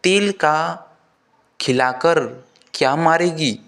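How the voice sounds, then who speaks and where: A man voicing a bossy, sharp-tongued old mother-in-law who scolds constantly. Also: a little high, very slow, creaky, voice pushed up, full character voice. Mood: scolding.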